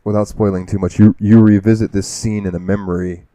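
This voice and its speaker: A man with a low, warm, mellow voice retells a game's opening on a casual podcast. He rambles and swears freely as he talks. The recording is dry and close. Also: flat delivery, a little fast, no echo. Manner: rambling, profane storytelling. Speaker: podcast host. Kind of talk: casual gaming podcast chat.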